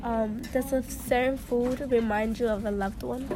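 A woman's voice: fairly high pitch, steady tone, normal speed. A woman interviewing someone, chatty and curious, asking follow-up questions. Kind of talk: casual interview. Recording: noisy crowd behind. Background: crowd chatter.

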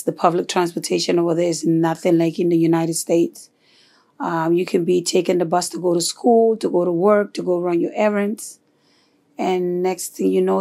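A woman from Honduras being interviewed for an oral history, answering softly and hesitantly with many fillers. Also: fairly low pitch, creaky.

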